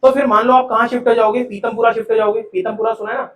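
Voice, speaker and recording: A man teaching commerce to a live class is picked up by a distant camera, so the room's echo rings around his high, bright voice, and a little hiss or hum runs underneath. He races along in a flat delivery, quizzing students constantly and addressing them as "beta."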